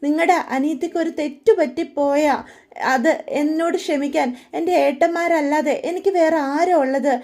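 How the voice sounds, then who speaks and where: A woman's voice: high-pitched, fairly even intonation, moderate pace, a little mellow. A woman voicing a remorseful young woman who pleads with her older brothers. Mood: pleading, tearful. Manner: pleading, apologetic.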